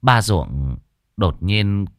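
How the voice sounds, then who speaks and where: A man's voice: lowish voice, big pitch swings, extremely slow, dry recording, studio quality. A man narrating a ghost story with an emotive, dramatic delivery.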